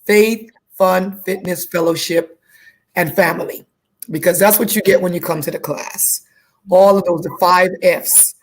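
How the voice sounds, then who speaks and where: A woman's voice: lowish voice, steady tone, measured pace. Upbeat woman from Guyana on a video call. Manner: upbeat, repeats herself while explaining. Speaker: fitness instructor, guest. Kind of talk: casual interview chat.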